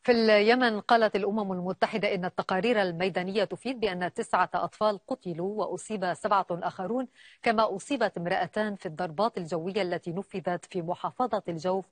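A woman news anchor reading studio news in a crisp, formal delivery. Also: medium pitch, quick pace, no echo. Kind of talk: studio newsreading.

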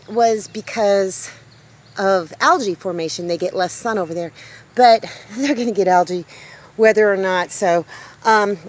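A woman in her fifties talking casually to a handheld camera about her garden, upbeat and chatty. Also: mid-range voice. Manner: chatty, upbeat, exclaims at small discoveries. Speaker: homesteading vlogger. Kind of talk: casual outdoor vlog. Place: outdoors in a rural yard by a tiny house.

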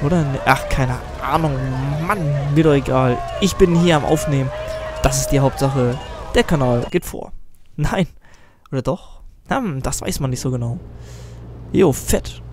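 A mid-range voice at a measured pace belongs to a teenage boy casually commenting on a racing game while nursing a slight cold. He rambles and mocks himself, with background noise, game music and car sounds behind him.

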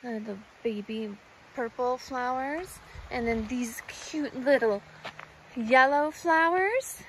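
A woman's voice: high voice, takes it slowly, fairly bright tone, a little hiss or hum, poor audio. A woman chatting casually while hiking outdoors, bubbly and laughing often. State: out of breath on uphill. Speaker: vlogger. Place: outdoors on a mountain trail.

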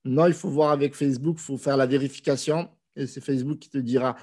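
On a live stream from a small room, a man in his thirties who has a cold answers viewers' questions over a video call with a desk mic. He's a fast talker with a mid-range voice, laid-back and chatty, often hesitating.

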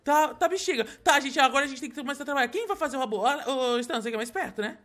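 A young man hosting a playful Minecraft roleplay, excitable and laughing, with panicky yelps, talking over a voice call. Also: very high voice, racing. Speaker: roleplay host.

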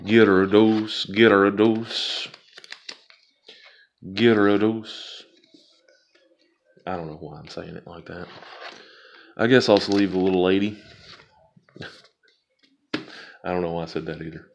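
A man's voice: deep voice, moderate pace, gravelly, long pauses, a little mellow. A man casually talking viewers through opening card packs, rambling and amused at himself. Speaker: card pack opening vlogger. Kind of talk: casual unboxing commentary.

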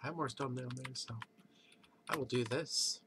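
Just woken up and sounding congested and stuffy, a let's play host rambles through gameplay commentary from his home computer, thinking aloud with pauses. His voice is medium-pitched and gravelly, with keyboard clicks and background noise in the recording.

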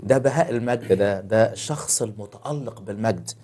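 A man with an Egyptian Arabic accent, a preacher guest on a talk show, speaking fervently and growing loud when he quotes scripture. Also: lowish voice, fast. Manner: fervent, swells in volume when quoting scripture.

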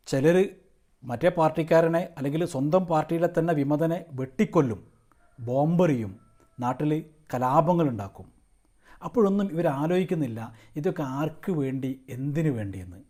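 A man's voice: fairly high pitch, a little mellow. A man with a Malayali accent delivering a scripted political monologue, sarcastic and scolding, full of rhetorical questions. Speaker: commentator.

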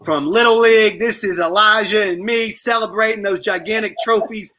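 Middle-aged male host, bright and high-pitched, loose joking chat. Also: fairly even intonation, normal speed, a little hiss or hum. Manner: joking, rambling, with filler phrases. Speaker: talk show host. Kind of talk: casual panel chat.

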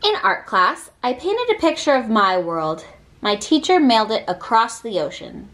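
The reader is a woman with a fairly high, very lively, swinging pitch, reading a children's picture book out loud. She takes her time, shaping each short line carefully and leaving gaps between lines.

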